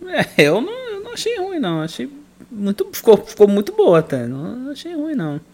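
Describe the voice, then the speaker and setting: A man's voice: very high voice, huge pitch swings, a little fast, darkish tone. A man chatting enthusiastically about games, often laughing as he talks. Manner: enthusiastic, laughs while talking. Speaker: podcast co-host. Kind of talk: casual gaming chat.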